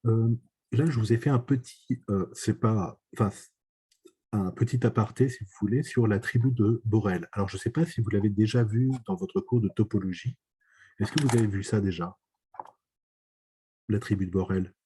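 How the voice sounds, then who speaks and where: Low, husky French math lecturer. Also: male voice, normal speed, dark tone. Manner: hesitant, many fillers and checks for understanding. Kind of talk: online lecture.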